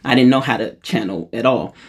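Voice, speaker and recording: A woman's voice: rumbling low, a little fast, husky. A woman in her thirties telling a personal spiritual story in a casual, rambling way, full of slang and restarts. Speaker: spiritual vlogger.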